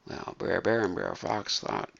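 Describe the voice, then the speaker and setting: A man telling a true story in an unhurried, animated, folksy way. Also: low-pitched, gravelly. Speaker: storyteller recounting a true case. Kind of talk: spoken storytelling. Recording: dull lo-fi recording.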